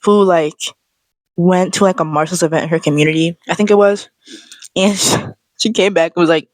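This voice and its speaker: A woman vlogger ranting in a sassy, animated, slangy way, straight to camera. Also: fairly low pitch, fairly quick, dry recording. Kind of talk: casual ranting monologue.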